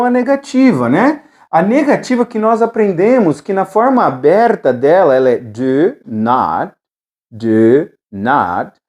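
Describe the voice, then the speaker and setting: A teacher walks through an English lesson in a mellow, unhurried voice. The pitch swings widely, and the delivery is patient, with drill phrases repeated over and over. Frequent check-ins keep the students following along. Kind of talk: recorded English lesson for Portuguese speakers.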